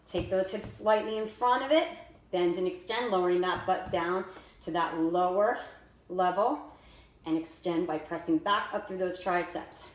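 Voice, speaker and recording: A woman's voice: on the low side, normal speed. A woman fitness instructor giving directive, step-by-step workout instruction and exercise cues. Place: indoors by a staircase. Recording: echoey room with faint noise.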